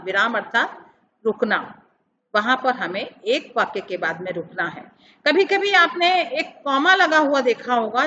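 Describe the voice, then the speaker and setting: A woman teacher explaining grammar to children, talking them slowly through examples. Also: high-pitched, bright, forceful tone. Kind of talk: classroom lesson explanation. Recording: dull lo-fi sound with faint background noise.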